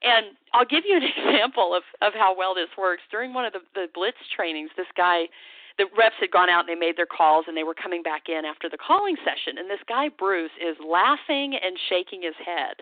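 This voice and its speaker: A woman's voice: on the low side, expressive, fairly quick, dry recording. A woman sales trainer, a guest on a phone interview, talking confidently and acting out sales lines. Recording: tinny phone line.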